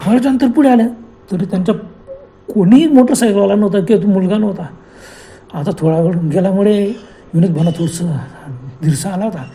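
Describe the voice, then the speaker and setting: A man's voice: high-pitched, fairly quick, long pauses, mellow. A man telling a horror story with a dramatic, suspenseful delivery.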